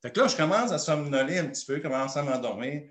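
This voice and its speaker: A man's voice: fairly high pitch, expressive, fast talker, a bit bright, echoey room. A man with a Québécois French accent, a pastor telling a personal story in a sermon and acting out the dialogue. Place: church.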